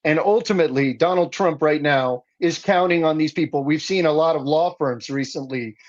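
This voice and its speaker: This guest activist, who was raised in the Dominican Republic, argues in a political talk with impassioned insistence and building emphasis. His voice is a little high, his speed normal, and the sound lo-fi.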